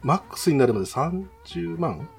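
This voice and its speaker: A man's voice: fairly high pitch, sing-song, normal speed, creaky, faint music behind. A man chatting casually and politely about games as a host, in a chatty way. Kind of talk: casual game talk with a co-host.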